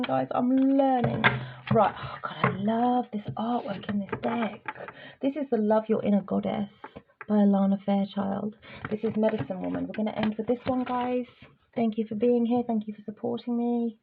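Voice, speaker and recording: A woman's voice: mid-range voice, flat delivery, normal speed, creaky. A woman giving a casual tarot reading to her viewers. She talks in a chatty, apologetic way and laughs often. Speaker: tarot reader. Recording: tinny phone-like sound with faint noise.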